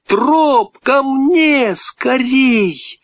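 A man voicing an eager, commanding young boy in a storybook, with high shouted calls. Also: big pitch swings, slow, no room sound, heavily acted. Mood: calling.

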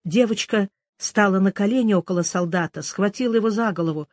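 A narrator reading literary prose aloud in a measured, even storytelling voice. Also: mid-range voice, no room sound.

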